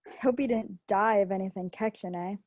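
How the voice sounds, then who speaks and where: A woman's voice: mid-range voice, brisk, darkish tone, no echo, muffled recording, close to an everyday voice. A young woman playing a sly, greedy old pawnbroker in a radio play, nosy and relishing every item. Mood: sly, amused. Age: young adult. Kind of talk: theatrical radio play acting.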